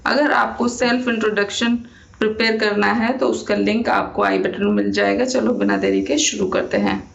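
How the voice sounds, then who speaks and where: A young woman gives an English lesson, saying every phrase slowly and twice over. Her voice has a gravelly, creaky edge. The recording is echoey and dull, like a bare room on a lo-fi mic. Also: fairly high pitch, steady tone. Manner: repeats each English sentence slowly and deliberately. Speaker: English teacher.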